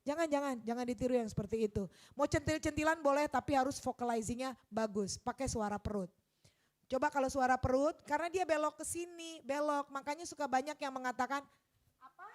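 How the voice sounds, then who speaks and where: A woman lecturing a university auditorium on public speaking, demonstrating voices and shifting loudness for emphasis into a handheld mic. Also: sits high. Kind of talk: lively classroom lecture. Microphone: handheld microphone.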